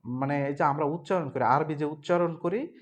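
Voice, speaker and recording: A man with a somewhat high voice teaches an online exam-prep class. He goes slowly and repeats each point. He spells words letter by letter and keeps asking whether everyone understood. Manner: explains step by step, repeats points, asks students if they understood; spells words letter by letter, mixes Bengali with read-out English.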